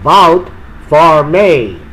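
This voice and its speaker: A deadpan male robot candidate, as a man puts him on, speaks in a mechanical robot voice. Each word comes very slowly and evenly, and the tone is bright and a touch high. Its flat, repetitive delivery fits a parody campaign commercial. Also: heavily acted, low-quality recording.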